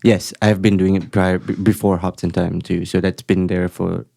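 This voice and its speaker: A young man from Malaysia talks casually as a podcast guest in a low, gravelly voice. He speaks in relaxed, halting sentences full of restarts, and the sound is dry and close. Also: dry recording. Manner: relaxed, halting speech with frequent restarts and chuckles. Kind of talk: casual chat.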